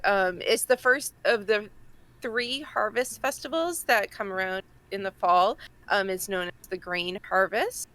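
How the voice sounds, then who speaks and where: A woman with a Massachusetts accent, co-hosting a casual podcast and explaining things in a halting, informal way. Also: mid-range voice, bright, forceful tone. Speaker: podcast co-host presenting a segment. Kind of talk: casual chat.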